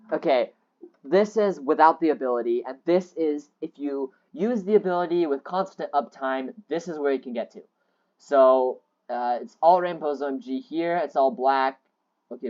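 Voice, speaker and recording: A young man talks casually over a screen share, rambling and restarting his sentences. His voice sits in a middle pitch, and the recording sounds dull and lo-fi. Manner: rambling, many fillers and restarts. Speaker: game video creator.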